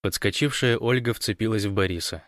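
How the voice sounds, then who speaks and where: A man narrating an audiobook in an even, measured reading. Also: on the low side, dry recording, studio quality.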